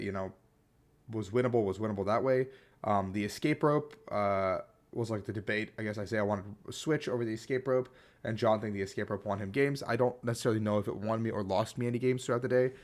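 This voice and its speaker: A man with a somewhat low, hoarse and worn-out voice talks through a tournament recap. He is conversational and slangy, like a competitive player casually reporting to his viewers. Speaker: competitive card game player and video creator.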